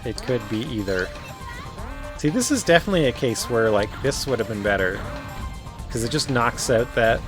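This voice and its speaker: A man with an Ontario Canadian accent, chatting casually and rambling while he streams a game. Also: mid-range voice. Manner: rambling, musing, many fillers and restarts. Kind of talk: casual commentary while playing. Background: faint game music.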